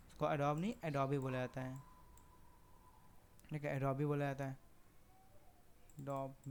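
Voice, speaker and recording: A young Indian teacher gives a classroom lecture mixing Hindi and English, talking conversationally, correcting himself, and asking rhetorical questions. His mid-range voice is smooth and a little mellow.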